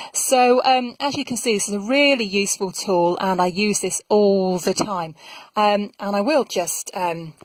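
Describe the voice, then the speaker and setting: A woman's voice: medium pitch, no room sound, poor audio. Chatty woman, dry studio sound. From England. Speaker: voiceover artist. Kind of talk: casual explainer to camera. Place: small home recording studio.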